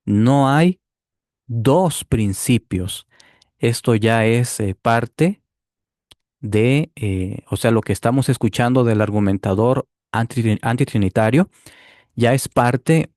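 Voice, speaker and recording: A man giving a deliberate Bible commentary, explaining step by step and checking in with the listener. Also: on the low side, mellow, dry recording, clean studio sound. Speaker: Bible teacher rebutting a clip. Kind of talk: apologetics commentary.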